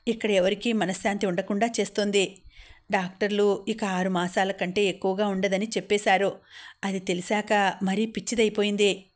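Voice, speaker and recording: A woman's voice: mid-range voice, flat delivery, natural voice. A woman reading the part of an affectionate, teasing man talking on the phone, in an audiobook. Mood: weary. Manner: teasing, quick and fond. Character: man, playful affectionate husband-to-be.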